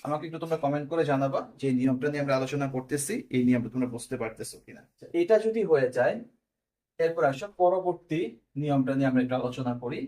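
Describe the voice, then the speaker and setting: A man's voice: mid-range voice, quick pace, dark tone. A young man, teaching an exam-prep class online and explaining step by step while checking that his students follow.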